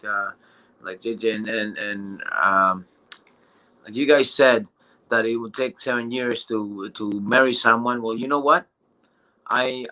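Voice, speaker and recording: A man in his thirties speaks in a bright, forceful voice as he gives a casual motivational testimonial. His delivery is eager but halting, full of fillers and restarted phrases. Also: on the low side, poor audio. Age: 30s.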